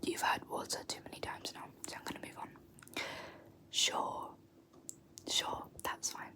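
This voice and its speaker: A young British woman, an ASMR creator, whispers softly in her video, slowly repeating words and letting out small laughs as she pronounces them.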